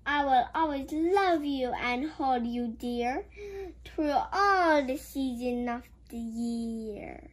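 Reading a picture book aloud to children, a female host speaks slowly in a high voice. She tosses in playful remarks, sounding childlike, exclamatory, and simple in a sing-song way.

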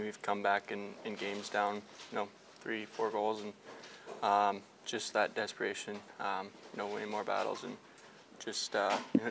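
After a game, a young male hockey player talks to reporters in the locker room, their handheld mics held close for the media scrum. His fairly low, somewhat bright voice has vocal fry, his answers are packed with fillers and restarts, and a little hiss or hum is audible.

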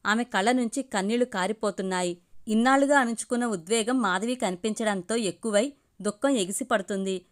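A woman's voice: mid-range voice, brisk. Woman reading a story aloud.

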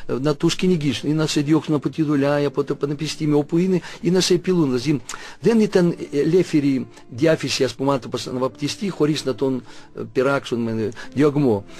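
A man in his sixties with a Russian accent, an Orthodox archimandrite recounting a personal testimony, halting and searching for words with frequent self-corrections. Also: a little high, steady tone, a little mellow, faint music behind. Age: 60s.

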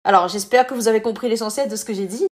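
A woman's voice: on the high side, very fast. A woman hosting an app tutorial, explaining each step casually with filler words.

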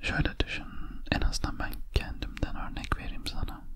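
Male ASMR host, thirties, quiet late-night delivery, fully whispered and breathy, slow soothing bedtime encouragement addressed to one listener. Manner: quiet, as if at night before sleep. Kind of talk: ASMR motivational talk. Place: small lamp-lit room at home.

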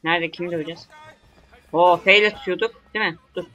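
A young man commentating on his own gameplay in a bright, slightly high voice. He grumbles, curses and talks back at the game as he plays. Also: fairly even intonation, fast talker, lo-fi sound. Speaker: gamer. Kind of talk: let's play commentary.

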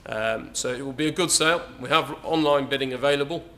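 Quick-paced and fairly bright, the young man's medium-pitched voice carries his casual walkaround preview of a sale. He's an English auctioneer in a large indoor saleroom, chatty, hesitant and full of fillers, recorded on a camera mic.

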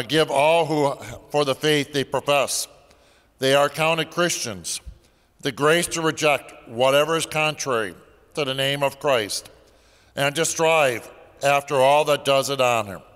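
A man leads the prayers of Mass at a pulpit microphone in a large church, reciting each line in a measured, solemn way. His voice sits in an ordinary middle pitch for a man. Every phrase rings out into the long echo of the church. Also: a bit bright, clear, resonant tone. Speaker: priest. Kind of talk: leading liturgical prayers at Mass.

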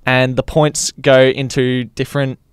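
A man's voice: mid-range voice, monotone, unhurried, clear, resonant tone, no echo, studio quality. An Australian man co-hosting a sports podcast, giving casual chat and match recaps.

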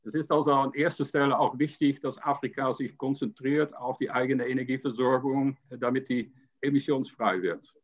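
Joining the video-call panel from a home room with a painting on the wall, this older guest has a mid-range, steady voice. His delivery stumbles, full of fillers and repeated words, and the webcam feed comes through dull and low-fidelity.

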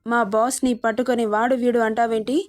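A woman's voice: fairly high pitch, flat delivery, fairly quick, darkish tone, lightly acted. A woman voicing office security guards who question and scold an intruder, in a dramatized story reading. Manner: scolding, demanding.

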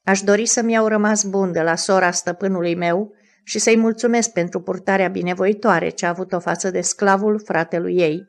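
A woman's voice: mid-range voice, steady tone, natural voice. A woman reading the part of a candid, spirited young noblewoman in an audiobook, earnest and a little defensive.

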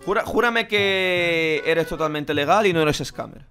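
A young man with a Spain Spanish accent, talking through a game over voice chat, haggling and bursting into rapid repeated shouts. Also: a little high, soft background music. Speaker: gaming streamer. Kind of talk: live gaming commentary with voice chat.

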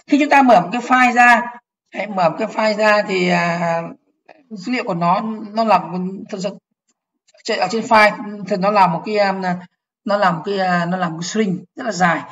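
A woman's voice: mid-range voice, dull audio. Woman teaching step by step. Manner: explains step by step, repeating phrases and checking understanding. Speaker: programming teacher. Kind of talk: online lecture to teachers.

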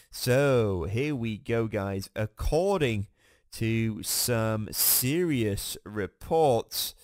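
A man's voice: medium pitch, a little mellow, dry recording. A man hosting a gossip channel, reading scripted commentary in a snarky, mocking manner.

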